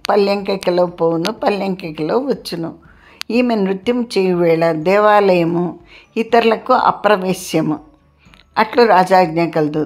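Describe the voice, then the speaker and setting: Low-voiced woman reading a novel. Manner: steady, formal literary reading. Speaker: audiobook narrator. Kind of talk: reading a classic novel aloud.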